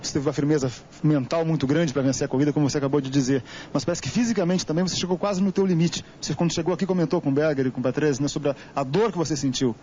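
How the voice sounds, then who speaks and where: A male TV sports reporter with a Brazilian Portuguese accent, asking brisk leading questions. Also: fairly high pitch, darkish tone. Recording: lo-fi archive TV audio with faint hiss.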